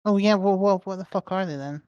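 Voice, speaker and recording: A man's voice: sits high, quick pace, darkish tone, clear, resonant tone, no room sound, muffled recording. A young man co-hosting a casual podcast, jokey and mock-indignant, laughing often. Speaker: podcast co-host.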